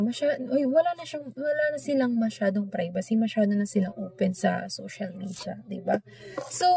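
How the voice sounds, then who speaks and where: A woman's voice: fairly high pitch, warm tone, husky, no echo. A young woman with a Filipino accent, giving an informal lesson in a chatty way and often adding tag questions. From Philippines. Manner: conversational, frequent tag questions. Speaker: teacher. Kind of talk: informal lesson talk, mixing English and Filipino.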